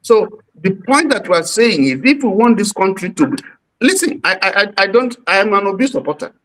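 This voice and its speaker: Nigerian guy from lagos calling in, high voice, fired up and repeating himself. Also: sing-song, brisk, a bit bright, low-quality recording. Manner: heated, insistent, repetitive. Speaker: caller on livestream.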